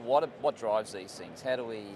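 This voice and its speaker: A man with an Australian accent and a slightly hoarse voice, doing a casual, matey interview on a trade show floor. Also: on the low side, normal speed. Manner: informal, matey, slangy. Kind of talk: casual on-location interview chat. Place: busy trade show floor, at an exhibitor stand. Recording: busy trade show crowd noise. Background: crowd hubbub.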